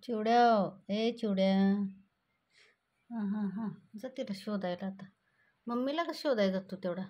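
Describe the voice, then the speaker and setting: A woman's voice: mid-range voice, normal speed, darkish tone. A woman, scolding and cooing at her cats in a casual home video. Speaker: cat owner vlogger. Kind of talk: casual talk to pet cats.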